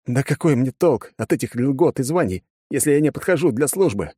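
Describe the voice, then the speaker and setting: A man's voice: medium pitch, animated, fairly quick, dark tone, slightly rough, no room sound, studio quality, voice pushed up. A man voicing a stubborn, guilt-ridden young soldier in a clipped, tense way.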